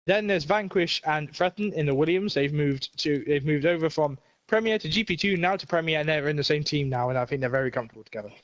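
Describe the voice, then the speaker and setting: A man's voice: fairly high pitch, a little fast, few pauses, no echo. A young man commentating an online racing league, joking and rambling with lots of fillers, a little breathless and sick. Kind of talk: casual esports race commentary. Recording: dull lo-fi stream audio.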